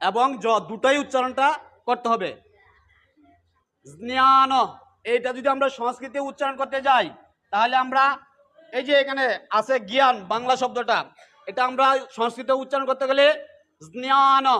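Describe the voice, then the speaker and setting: A man with a strikingly high voice gives a pronunciation lesson. His tone is bright and forceful. He works through the rules step by step and repeats each example word. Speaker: teacher of Gita recitation.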